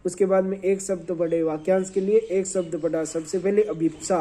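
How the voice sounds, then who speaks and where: A male teacher runs a brisk revision drill in a fairly high voice. He repeats each word list several times and poses questions he then answers himself. He spells out English words letter by letter. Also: fairly even intonation, mellow. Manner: drilling word lists by repetition, asking and answering his own questions. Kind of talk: exam revision lesson.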